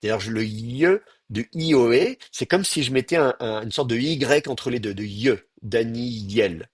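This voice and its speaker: A man's voice: medium pitch, moderate pace, husky, no room sound, clean studio sound. A man from France, giving a university lecture and patiently explaining, with hesitant fillers and spoken demonstrations of pronunciation.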